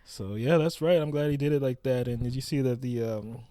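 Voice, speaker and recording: A man from South Central Los Angeles, co-hosting a podcast in loose, slangy casual chat, acting out quotes in high put-on voices. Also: a little fast, warm tone. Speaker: podcast co-host.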